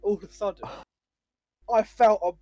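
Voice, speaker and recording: A man's voice: sits high, moderate pace, no echo. A young man, casually telling stories between laughs and fillers. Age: young adult. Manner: laughing, animated anecdote telling with many fillers. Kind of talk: casual storytelling chat.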